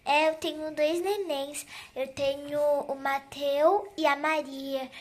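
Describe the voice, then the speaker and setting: A woman's voice: sits high, fairly even intonation, slow. A young woman as a sweet flight attendant. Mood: chatty. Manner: gentle and chatty. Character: kind, helpful female flight attendant.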